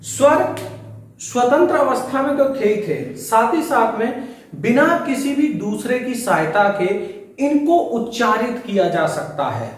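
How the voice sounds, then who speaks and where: A man's voice: very high voice, animated, measured pace. A male teacher giving a lecture, explaining step by step and pointing things out as he goes. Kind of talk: classroom lecture. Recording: echoey room, mic far off.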